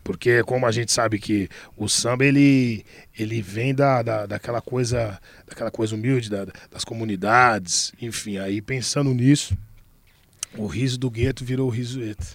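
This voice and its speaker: A man's voice: mid-range voice, steady tone, moderate pace, dry recording. A man from a samba band, talking casually in an interview, chatty and jokey with many fillers and repeated words. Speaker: band member.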